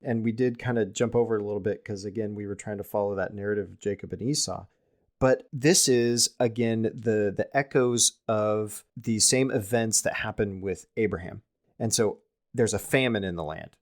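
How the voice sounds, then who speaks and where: Guy on a scripture podcast, lowish voice, thinking out loud, lots of little restarts. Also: normal speed. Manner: thoughtful, with restarts and repeated words. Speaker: podcast co-host. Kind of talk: casual scripture discussion.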